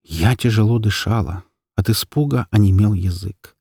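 A man narrating a novel in the first person in a steady, measured reading voice. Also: lowish voice, creaky, breathy edge, no echo, clean studio sound. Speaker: audiobook reader.

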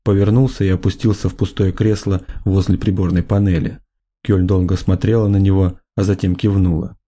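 A man narrating a science fiction audiobook in a measured, even reading style. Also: sits low. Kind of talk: scripted narration.

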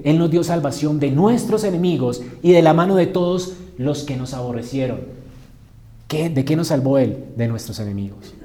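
A man preaching with fervor, his voice surging to loud declarations and sinking to hushed lines. His tone is soft and mellow, and it sits a little high for a man. The sound bounces around an echoey room. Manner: impassioned, rising and falling dynamics, rhetorical questions. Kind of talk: sermon.

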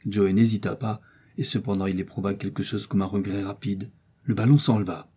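A man narrating a classic adventure novel as an audiobook, telling it with steady drama. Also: fairly low pitch, a little fast, husky. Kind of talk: scripted narration.

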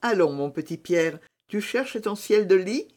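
A kind young peasant woman coaxes a child with gentle teasing in an audiobook, as a woman reader puts her on. Her voice lifts a little above the narration and moves with a lively lilt. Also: medium pitch, a little slow. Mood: coaxing. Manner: teasing, coaxing. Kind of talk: audiobook character reading.

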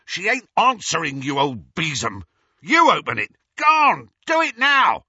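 A man voicing an uncouth, bullying male dark wizard who bellows and shrieks coarsely, in a slightly dull, dry recording. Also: a little high, big pitch swings, normal speed, slightly rough, no echo, pitched above the performer's own voice, heavily acted. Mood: furious.

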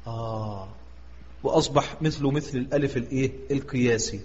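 Egyptian sheikh quizzing students, echoey lo-fi. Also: male voice, mid-range voice, darkish tone. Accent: Egyptian Arabic. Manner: quizzing students, drawing out example words slowly. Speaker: Quran recitation teacher. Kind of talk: live recitation lesson. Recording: echoey, dull lo-fi audio.

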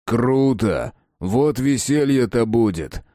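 Burly, sneering guard, read by a male narrator: slow drawl, taunting, dry close sound. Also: medium pitch, lively intonation, warm tone, dry recording. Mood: mocking.

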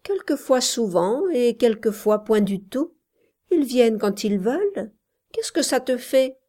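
A woman voicing a lively, cheeky little peasant girl who answers quickly and pertly in a storybook reading. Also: a little high, voice pushed up.

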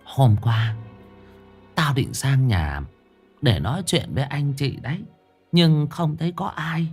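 A male storyteller voicing a secretive, gossiping old village woman who speaks in a hushed, conspiratorial voice. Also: medium pitch, lively intonation, slow, husky, faint music behind, voice pushed up, heavily acted.

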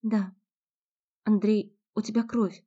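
Woman doing a young woman, fiery, commanding, raised voice, warm tone, dull lo-fi recording. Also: mid-range voice, level tone, slow, husky, voice pushed up. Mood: earnest. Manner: commanding, rising to shouts.

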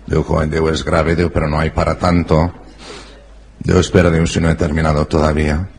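A man with a Catalan accent telling jokes as a stand-up comedian, in a slow, dry deadpan. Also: very deep voice, a little hiss or hum. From Spain. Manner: slow, dry deadpan delivery with repeated "diu" and "digo".

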